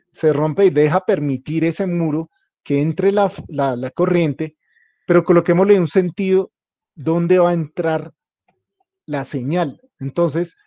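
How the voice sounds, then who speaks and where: A male teacher with a fairly high, mellow voice runs an informal class, cracking jokes, repeating his points and constantly asking whether the students are following. The audio is dull, with no room sound.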